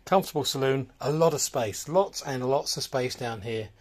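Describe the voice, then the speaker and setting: A man giving a walkthrough tour of a boat for sale as its broker, listing features in brisk short phrases while he films aboard. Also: mid-range voice. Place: aboard a small motor boat, cabin and cockpit.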